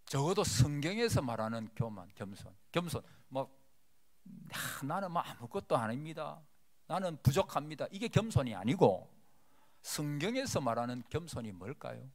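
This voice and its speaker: A man preaching a sermon in a church. He swings between loud declarations and hushed whispers, and acts out prayers in a pleading voice. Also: medium pitch. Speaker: pastor. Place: church sanctuary.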